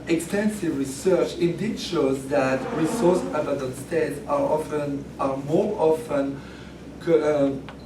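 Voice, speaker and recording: A man with a hoarse, grating voice reading formal opening remarks as a research professor, stumbling and correcting himself. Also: medium pitch. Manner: halting delivery with frequent stumbles and self-corrections. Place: echoey room at a workshop, indoors. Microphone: distant from the speaker. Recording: noisy, echoey room, distant microphone.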